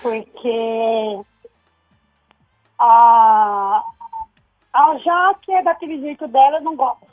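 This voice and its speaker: A woman's voice: a little high, steady tone, takes it slowly, pauses often. A woman calling in to a radio show over the phone, giving blunt, opinionated views in casual chat. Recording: tinny phone line, faint music.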